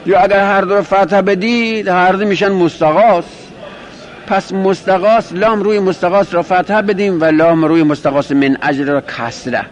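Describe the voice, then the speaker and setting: A man teaching a grammar lesson, explaining step by step, asking and answering his own questions, and slowing down to repeat quoted phrases. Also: high-pitched. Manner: repeats and rephrases terms, slows on quoted Arabic. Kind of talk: classroom lecture explaining a grammar text.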